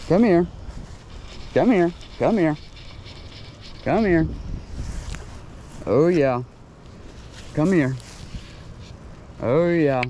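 A young vlogger fishing at a lakeside grows excited and chatters to the fish as he reels. His warm, mellow voice runs on the high side, and he draws out his words and leaves long pauses. A chest-mounted action camera picks him up outdoors, along with a faint hiss of wind and ambience.

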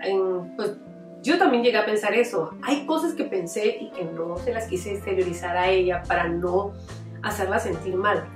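A woman's voice: mid-range voice, moderate pace. A middle-aged woman, a mother giving heartfelt, reflective interview testimony with frequent restarts. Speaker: mother of a former camp participant. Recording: echoey room, mic at a distance, faint music.

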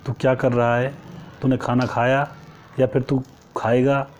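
A man's voice: mid-range voice, level tone, a little slow, a little mellow, slight background noise, natural voice. A man voicing a drunk man who rambles questions at a street dog. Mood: teasing.

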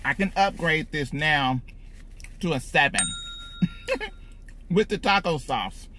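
A man's voice: fairly high pitch, slow pace, slight background noise. A man reviewing food in a casual vlog, talking to viewers while chewing with his mouth full. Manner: relaxed, talks to viewers, laughs between bites.

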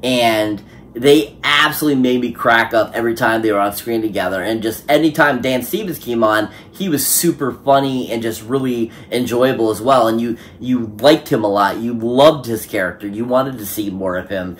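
A man's voice: mid-range voice, moderate pace, slight background noise. A man giving a casual spoken film review, enthusiastic and rambling, with many fillers and restarts. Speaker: movie reviewer.

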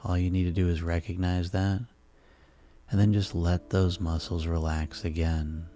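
Very deep, soothing male sleep hypnosis guide. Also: flat delivery. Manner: soft, soothing, unhurried delivery with pauses. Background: relaxation music.

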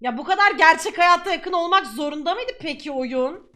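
High bright-voiced gamer girl, super excitable, yells at the game a lot. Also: normal speed, soft background music. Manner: excitable, shouts at the game, laughs often. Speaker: gaming YouTuber. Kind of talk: let's play commentary.

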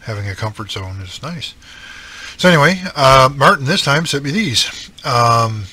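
Rambling East Coast Canadian man, bright tone. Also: medium pitch, expressive, normal speed, husky, no echo. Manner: rambling, self-deprecating, lots of ums. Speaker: scale modelling channel host. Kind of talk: casual chat.

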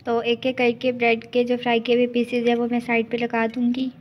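A woman hosting her home cooking channel, explaining each step in a steady voice-over. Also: fairly high pitch, a little fast, dull audio, slight background noise. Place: home kitchen.

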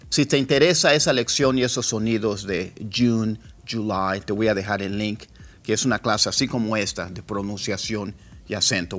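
A man teaching English pronunciation, repeating example words slowly as drills. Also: fairly low pitch, fairly bright tone. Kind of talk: pronunciation lesson.

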